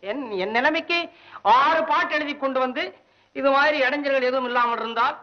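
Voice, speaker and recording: A poor, hot-tempered temple poet with a high, whining voice who keeps grumbling and needling everyone around him. The old film soundtrack sounds dull and muffled, as in a 1960s movie. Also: male voice. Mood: bickering. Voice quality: whiny, high and quick-tempered. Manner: complaining, sarcastic, talks to himself. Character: poor, fretful male temple poet, comic and whiny. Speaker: comic lead in a devotional film. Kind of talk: 1960s Tamil film acting.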